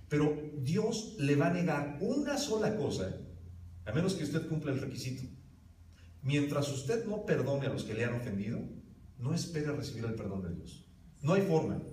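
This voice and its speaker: A man delivers a sermon from some way off the microphone, his voice filling a reverberant church hall. He sits at an average pitch and talks with emphasis, turning to the congregation with direct questions. A faint murmur of the room sits underneath. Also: darkish tone, slight background noise. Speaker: preacher. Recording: roomy hall from a distance.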